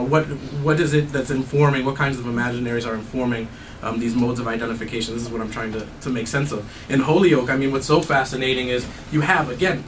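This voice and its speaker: A man, an anthropology professor, answering audience questions in a thoughtful way with many fillers and restarts. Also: fairly high pitch. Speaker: anthropology professor giving a talk. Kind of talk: academic Q&A answers. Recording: distant mic, faint noise.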